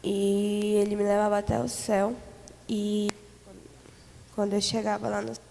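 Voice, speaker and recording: A Brazilian woman recounts a vision in an earnest, repetitive way, her voice a little gravelly and her pitch kept flat. She speaks in a church hall with a long echo and faint background hiss. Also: moderate pace. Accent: Brazilian Portuguese. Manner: earnest, repetitive storytelling with many fillers. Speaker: church member giving testimony. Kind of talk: spoken testimony of a vision.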